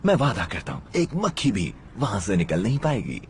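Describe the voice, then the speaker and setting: A man's voice: lowish voice, huge pitch swings, normal speed, a little hiss or hum. A man dubbing a dutiful male assistant in a Hindi series.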